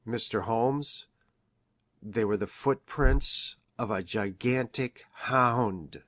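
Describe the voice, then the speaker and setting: An earnest, formal country doctor, Doctor Mortimer. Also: male voice, mid-range voice, a bit bright. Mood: hushed, dread. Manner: formal, measured, precise storytelling. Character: earnest educated male country doctor recounting a tragedy. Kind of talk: dramatised classic mystery radio play.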